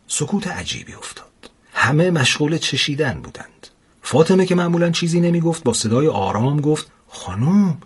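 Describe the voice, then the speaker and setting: A man narrating a children's story in an expressive, storytelling way. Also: medium pitch, breathy edge. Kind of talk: scripted narration.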